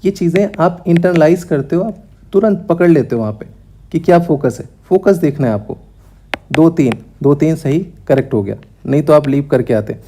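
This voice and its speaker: A young man teaching exam tricks to students in a quick, direct way, mixing in English terms. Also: on the high side, expressive, mellow, slight background noise. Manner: brisk, talks straight to students, mixes English terms into Hindi. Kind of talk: explaining exam questions.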